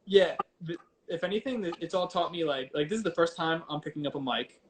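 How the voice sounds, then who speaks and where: A man's voice: a little high, fairly quick. A man chatting casually as a DJ guest, informal and hesitant, repeating himself, speaking into headphones used as a mic. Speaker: DJ and livestreamer, interview guest. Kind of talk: casual chat. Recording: noisy headphone mic on online call.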